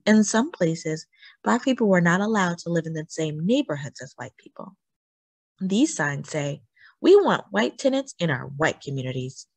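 A woman with a lowish, husky voice reads a picture book aloud, her storytelling expressive and her phrasing and emphasis deliberate. There's no room sound in the audio.

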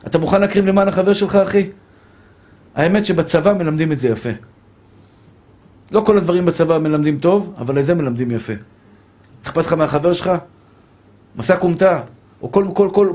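A man's voice: sits high, a little mellow, slightly rough. A male rabbi giving a Torah lesson to a live audience, speaking emphatically, repeating phrases and calling his listeners dear brothers.

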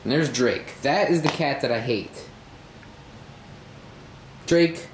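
A man's voice: medium pitch, slow pace, a little hiss or hum. A young man vlogging casually outdoors in winter, rambling and joking with a laugh never far off, recorded on a handheld camera. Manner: jokey, rambling, laughs easily. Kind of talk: casual vlog chat. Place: outdoors in snowy winter weather and by a car.

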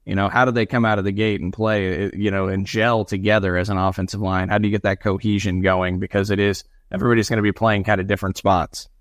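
A man co-hosting a sports talk show, running through player numbers in a steady run. His voice sits a bit low. It is recorded dry and close. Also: fast talker, few pauses, no echo. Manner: reels off stats in a steady run. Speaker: sports podcast co-host. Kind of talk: casual sports analysis talk.

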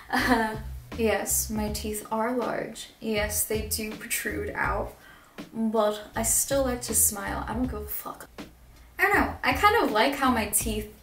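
A young Filipino woman talks candidly to camera for a casual vlog in a small bare indoor room, full of "like", swearing and laughter. Her voice is a little high with vocal fry, and the mic sits far off in the echoey space.

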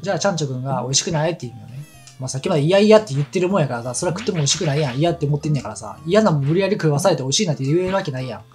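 A man with a Kansai accent rattles on quickly in casual chat while playing a game. His talk is a rambling, chatty stream of stories. Game music plays clearly behind him. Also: fairly high pitch, lively intonation. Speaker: let's play commentator. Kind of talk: casual chat over gameplay.

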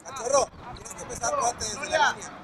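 A man coaches youth soccer from the sideline. His voice is pitched extremely high as he barks short commands and repeats them. The recording is outdoors on a field, with clear background noise around him. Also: normal speed, a loud crowd. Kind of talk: shouting sideline instructions during a match. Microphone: picked up by sideline camera.

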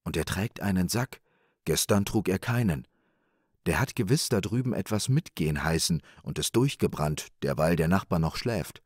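A man's voice: deep voice, animated, moderate pace, dry recording, studio quality. A man voicing a greedy, blustering rich peasant in a spoken fairy tale. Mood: muttering. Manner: loud and blustering.

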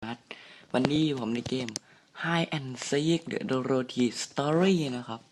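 A young man giving casual let's-play commentary on a horror game, hushed and jumpy, with startled outbursts and swearing. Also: medium pitch, extremely slow, noisy background. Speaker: gamer playing a horror game.

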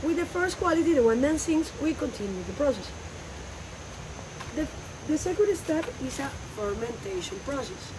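A high-voiced woman in her thirties with a Colombian Spanish accent leads a coffee farm tour in lively, non-native English. She was recorded outdoors on a phone a few meters away. Steady background noise hisses under her voice. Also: normal speed. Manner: animated, gesturing while explaining, non-native English grammar. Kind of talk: guided tour explanation. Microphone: phone camera a few meters away.

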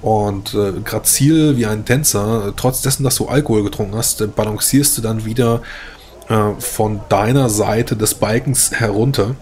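Hesitant German game master, low voice. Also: male voice, moderate pace, a little mellow. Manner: hesitant, many fillers. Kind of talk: narrating a tabletop game.

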